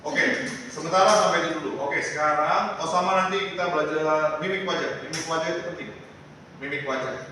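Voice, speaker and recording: A man's voice: a little high, steady tone, brisk. A man teaching a singing lesson, asking his class many questions in a chatty way. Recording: echoey hall, mic far off, noisy.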